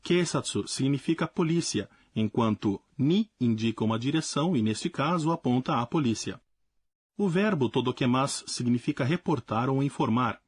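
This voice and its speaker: A man teaching a language lesson in a clear, explanatory scripted narration. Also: mid-range voice, expressive, normal speed, no room sound.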